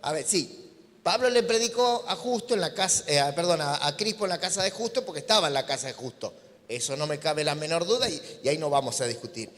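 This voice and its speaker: A man's voice: on the high side, lively intonation, fast, fairly bright tone, long reverb tail. A man with an Argentine accent preaching a sermon as pastor, in a conversational, joking manner. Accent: Argentine Spanish. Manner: conversational preaching, acting out imagined dialogue with humor. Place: church sanctuary.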